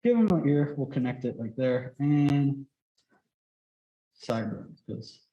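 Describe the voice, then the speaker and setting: Muffled by a face mask, a drawing teacher with an animated, mid-range voice talks a little slowly, musing aloud in a rambling, chatty way with frequent "like." The sound is lo-fi, echoey and roomy.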